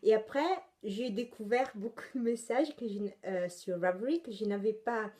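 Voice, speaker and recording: Her voice is mid-range and mellow, at a normal speed, carrying an Italian accent. The young host, from Italy, rambles chattily on her knitting podcast, often hesitating and correcting herself.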